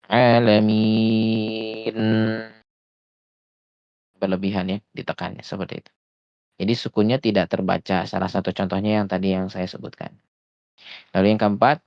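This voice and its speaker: A man teaching Quran recitation in an online lesson, explaining patiently with frequent hesitations and slowing down to demonstrate sounds. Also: lowish voice, dry recording, highs cut off. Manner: often slows to demonstrate sounds. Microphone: voice chat headset or desktop mic.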